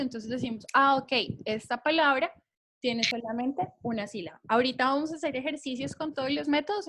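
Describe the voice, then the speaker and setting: A woman with a high voice leads an English class. She explains things patiently and keeps checking that her students are following. She speaks into a computer mic for a recorded online class. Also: slight background noise. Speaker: English teacher.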